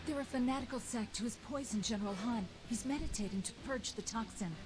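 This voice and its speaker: Woman playing an earnest young woman, game dialogue, slightly high voice. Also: quick pace, a little mellow, lightly acted. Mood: urgent. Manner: earnest, caring. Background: game music.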